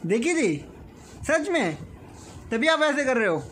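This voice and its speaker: A young man with a very high-pitched, very animated voice speaks slowly as he coaxes a small child in a playful way. It's a casual vlog chat filmed indoors at the family home, with noisy sound.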